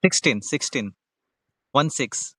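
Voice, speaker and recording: A man's voice: mid-range voice, animated, slow pace, fairly bright tone, no echo, clean studio sound. A man from India with an Indian English accent, hosting a friendly, teasing English practice chat over a video call and repeating his questions. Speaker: conversation practice host.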